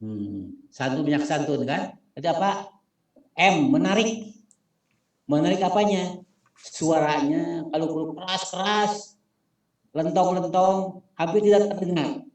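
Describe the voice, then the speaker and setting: Speaking unhurriedly in a slightly high, somewhat mellow voice, a Sundanese-accented instructor teaches his class, stressing important points by repeating them and sounding out acronyms one letter at a time. The room has noticeable echo.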